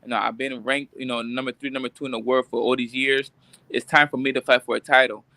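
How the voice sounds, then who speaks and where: Fast-talking confident boxer, a man. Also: mid-range voice, little pitch movement, vocal fry, bright, forceful tone, dry recording. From Puerto Rico. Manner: confident, insistent, repeats himself. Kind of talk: interview. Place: remote live stream.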